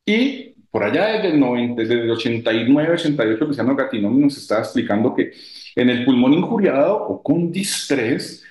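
A man giving a measured technical lecture on a video call, his voice breaking up and cutting out over an unstable connection. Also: on the high side, a little mellow, reverberant, poor audio. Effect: choppy, breaking-up call audio. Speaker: lecturer at a medical academic week. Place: echoey room.

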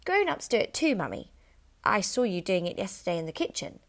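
A woman's voice: medium pitch, sing-song, a little fast. A woman reading aloud, voicing a sly little girl who talks in a sweet, mock-innocent, matter-of-fact manner.

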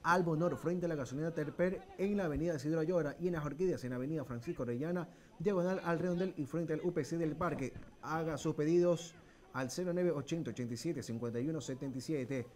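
A man's voice: a little high, fast, a little mellow. A man with an Ecuadorian accent presenting live football play-by-play as the lead announcer. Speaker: lead football announcer, reading sponsor mentions.

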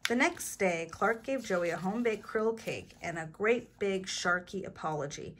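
A woman teacher reading a picture book aloud to children, animated and asking her listeners questions. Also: medium pitch, normal speed.

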